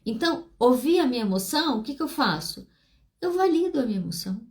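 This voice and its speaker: Brazilian woman psychologist, fairly high voice. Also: very animated, fast talker, a little mellow. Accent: Brazilian Portuguese. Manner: explanatory, acts out dialogues with changing pitch. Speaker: psychologist and podcast host. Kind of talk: podcast monologue on emotional health.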